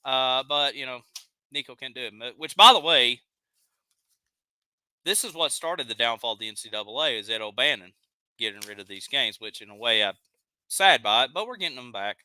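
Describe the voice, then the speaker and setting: A man's voice: medium pitch, animated, brisk, bright, forceful tone, smooth, no echo. A man with a Southern accent hosting a live stream, ranting heatedly and reading chat comments aloud. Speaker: live show host.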